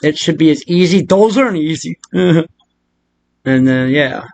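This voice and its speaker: Presenting a laid-back, off-the-cuff screen-share tutorial on game modding, a high-pitched man rambles irreverently and thinks aloud as he edits. He speaks slowly, and his tone leans somewhat dark.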